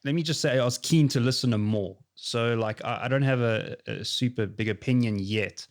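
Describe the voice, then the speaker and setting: A man's voice: mid-range voice, moderate pace. A man hosting a casual chat, easygoing and friendly, calling his guest dude. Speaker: podcast host.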